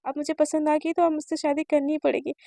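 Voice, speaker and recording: A woman's voice: high voice, level tone, fast talker, creaky, dark tone, no room sound. A woman voicing a pushy, boastful grown man pressing a young woman to marry him.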